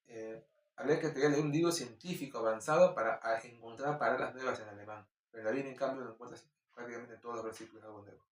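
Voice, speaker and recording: A man with a Peruvian Spanish accent, slowly reading Bible verses and commenting on them informally, with halting restarts. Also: mid-range voice. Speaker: Bible teacher. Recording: roomy echo, distant mic.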